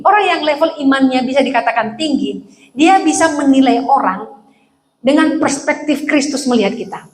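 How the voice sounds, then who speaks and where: A woman pastor with a high voice delivers a lively sermon full of anecdotes. She jokes and acts out the people in her stories. Her voice rings through a roomy church hall. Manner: lively, joking, acts out quoted speech.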